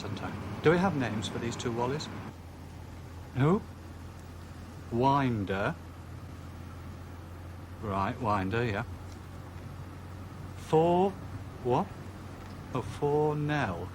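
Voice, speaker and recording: An actor playing a male desk police officer who speaks slowly and ploddingly in a British TV police drama. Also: medium pitch, animated, slight background noise.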